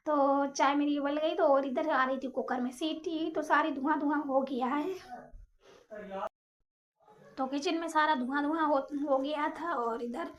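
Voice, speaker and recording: Young woman, high voice, rapid chatty home vlogger, casual voice-over. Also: fairly even intonation. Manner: rapid, chatty, apologizes for talking fast.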